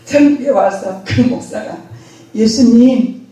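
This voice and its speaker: An older woman pastor preaching a sermon with animated storytelling, acting out scenes herself. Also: medium pitch, moderate pace. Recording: very echoey hall, distant mic.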